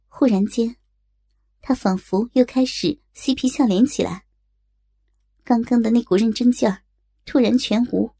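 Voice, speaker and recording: A woman's voice: on the high side, gravelly, dark tone, breathy edge. A woman reading a first-person story aloud, in a chatty, wry way. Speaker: narrator.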